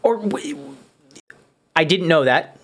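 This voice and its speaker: A man's voice: fairly high pitch, slow, breathy edge. A man hosting a podcast in casual chat, rambling and swearing freely. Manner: profane, rambling, animated. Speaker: podcast host.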